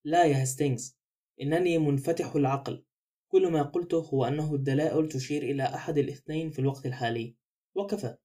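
Male reader voicing a mellow-toned, thoughtful older-gent detective, quick delivery. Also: on the high side, fairly even intonation, natural voice. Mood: calm, probing. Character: fussy, thoughtful middle-aged male detective.

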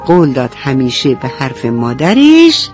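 A woman's voice: a bass voice, wildly swooping pitch, a little mellow. A woman radio storyteller narrating a bedtime story for children, speaking affectionately and addressing the young listeners directly. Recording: dull lo-fi radio recording with faint music.

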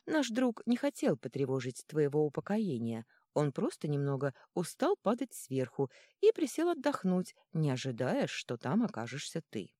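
A woman voicing a calm, reasoned and very polite male pack leader in a storybook. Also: low-pitched, moderate pace, no room sound, studio quality. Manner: calm, courteous.

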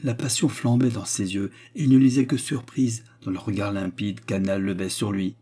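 A man calmly narrating a novel as an audiobook reader. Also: fairly low pitch, moderate pace. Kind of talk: scripted narration.

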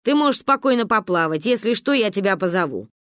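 A woman's voice: mid-range voice, expressive, brisk, a bit bright, no room sound, clean studio sound, close to an everyday voice. A woman voicing a stern elderly grandmother who grumbles and lectures.

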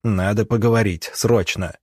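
A male narrator plays a weary young country doctor, firm and curt. His low, husky voice stays dry and close, as in a storybook audiobook. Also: steady tone, normal speed, darkish tone, no echo, close to an everyday voice.

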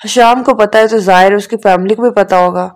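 An earnest young woman who speaks quietly and seriously about her own future, as the narrator reads her. The voice sits at a mid pitch in a plain storybook telling. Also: fairly even intonation, close to an everyday voice. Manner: quiet, earnest, a little defensive. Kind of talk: audiobook dialogue reading.

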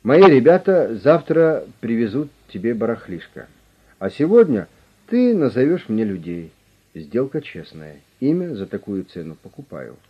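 A man voicing a calm but pushy male negotiator with an official manner who talks steadily and insistently. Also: mid-range voice, unhurried, slightly rough, voice pushed up. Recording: dull lo-fi recording.

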